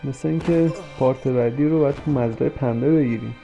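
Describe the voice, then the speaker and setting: A young man with a rough, gravelly voice delivers comic gameplay commentary. He banters with the characters on screen and switches between mock soothing and loud outbursts. Game music plays clearly underneath. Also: mid-range voice, dull audio. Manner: joking, talks to the game characters, jumps from mock soothing to shouting.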